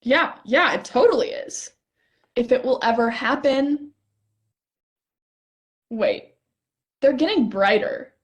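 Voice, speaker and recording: A woman's voice: high-pitched, animated, slow pace, long pauses. A woman playing a teasing, eager young stargazer. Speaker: actor in a rehearsed play reading. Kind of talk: stage play reading.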